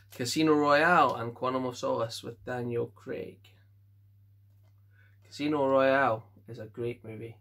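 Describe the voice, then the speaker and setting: Bright-voiced Scottish man chatting casually. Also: mid-range voice. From Scotland. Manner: offhand quick verdicts, chuckles to himself. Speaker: collector showing his film collection. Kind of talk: casual chat.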